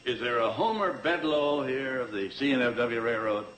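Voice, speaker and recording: An actor playing a polite, quietly self-assured male hobo in a 1960s television sitcom. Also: medium pitch, moderate pace, lightly acted. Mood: calm, polite. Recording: noisy old television soundtrack.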